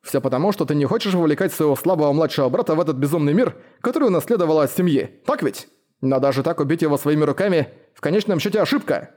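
A man's voice: fairly high pitch, animated, fast talker, a little mellow. A man voicing a bold, blunt young male retainer who argues earnestly. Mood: pleading.

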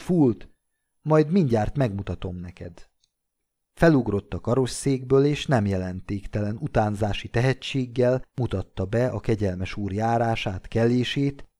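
A man reading classic literary fiction aloud, narrating in a measured, steady way. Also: medium pitch. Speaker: audiobook reader.

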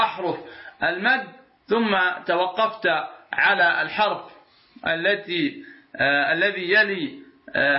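A man teaching Quran recitation rules, asking his listeners "what?" and answering himself, and drawing out each word he demonstrates. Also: high voice. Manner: drawls out the words he demonstrates. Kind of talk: explaining a recitation rule line by line. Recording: roomy, dull lo-fi sound.

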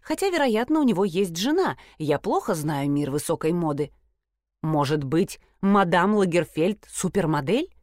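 A woman's voice: lowish voice, big pitch swings, moderate pace, a little mellow, dry recording, studio quality. A woman reading a first-person audiobook, with wry, ironic asides. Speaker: audiobook narrator.

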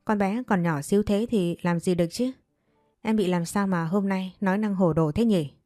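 A woman's voice: medium pitch, moderate pace, warm tone, no echo, clean studio sound, natural voice. A woman voicing a manipulative stepfather who talks his way out with wheedling, defensive excuses in a storybook tale. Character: smooth-talking, manipulative stepfather.

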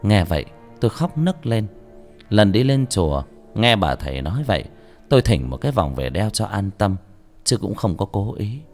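A man reading a horror story aloud as an audiobook narrator, slow and grave. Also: on the low side, sing-song. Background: faint music.

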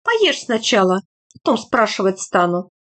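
A woman voicing a practical, playfully scolding young village woman in a read-aloud story, slow and measured. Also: mid-range voice, big pitch swings, a bit bright. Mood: teasing, brisk.

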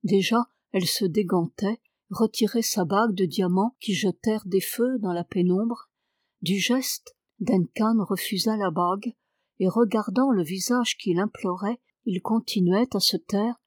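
Woman narrating a novel, mid-pitched, dry close sound. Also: measured pace, a little mellow, no room sound. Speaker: audiobook reader. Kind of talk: reading a novel aloud.

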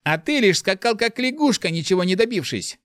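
A man's voice: high-pitched, big pitch swings, a little fast, fairly bright tone, dry recording, pitched above the performer's own voice. A man voicing the disembodied voice of a male spirit inside a young man's head, scolding and urgent. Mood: scornful. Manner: urgent, reproachful. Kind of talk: audiobook narration.

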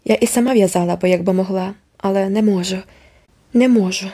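A woman reading the part of a distraught mother in a storybook, soft and anxious. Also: mid-range voice, a little fast, breathy edge, natural voice.

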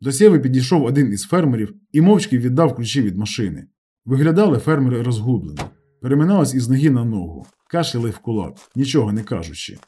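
A man reading a novel aloud as a steady first-person narrator. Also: mid-range voice, fast talker, breathy edge. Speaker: audiobook narrator.

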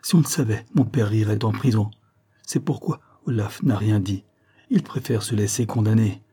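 A man's voice: lowish voice, moderate pace, warm tone, breathy edge. A man reading aloud, voicing an anxious young woman who earnestly pleads for her fiancé. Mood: earnest pleading.

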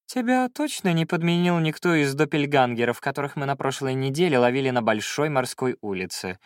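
A man voicing a teasing, cheerful young man in an audiobook, his lines read a little higher and playful. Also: expressive, fairly quick, clean tone, no room sound, clean studio sound, natural voice.

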